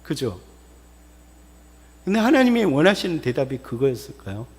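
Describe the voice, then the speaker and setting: A man's voice: on the high side, very animated, normal speed, darkish tone, breathy edge, long reverb tail. A male pastor preaching a sermon, emphatic and repetitive, often asking the congregation rhetorical questions. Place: church sanctuary.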